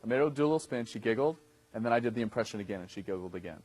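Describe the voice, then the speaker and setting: A dating coach in his thirties teaches a class conversationally, often checking in with his listeners as he explains. His medium-pitched voice is expressive, rapid-fire, a little mellow and husky. The audio quality is poor.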